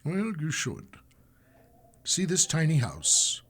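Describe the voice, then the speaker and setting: Slow, swooping, hearty Ghost of Christmas Present. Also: male voice, fairly high pitch, huge pitch swings, exaggerated voice. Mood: gently showing. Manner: theatrical, drawn-out calls. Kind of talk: radio play acting.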